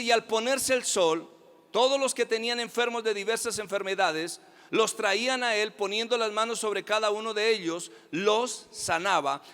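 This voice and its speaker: Pastor guy preaching, high bright voice, long church hall echo, has folks repeat after him. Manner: preaching with call-and-response prompts, sing-song emphasis. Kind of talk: sermon.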